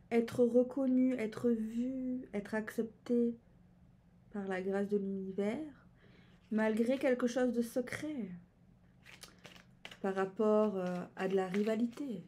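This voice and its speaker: A woman's voice: fairly high pitch, warm tone, a little hiss or hum. A woman giving a casual tarot reading, chatting and musing aloud with repeated phrases and fillers. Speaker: tarot card reader.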